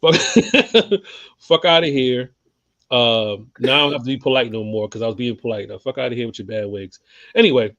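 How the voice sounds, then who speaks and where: A man's voice: mid-range voice, steady tone, fast, fairly bright tone, dry recording. A man co-hosting a sports podcast, talking bluntly with lots of swearing and frequent laughs. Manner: profane, blunt, laughing often. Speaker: podcast co-host. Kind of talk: casual sports chat.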